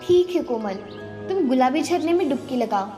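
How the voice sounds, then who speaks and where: A woman voicing a kind, motherly forest fairy who speaks softly and reassuringly, for an animated story. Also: sits high, moderate pace, recorded from a distance, faint music behind. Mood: gentle.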